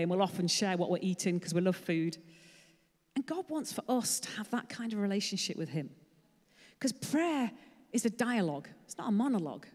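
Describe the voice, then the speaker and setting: Woman preaching, chatty and earnest, tells stories, long echo like a big church. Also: lowish voice. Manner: earnest, conversational, dropping to soft emphasis. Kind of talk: sermon with storytelling. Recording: long hall reverb.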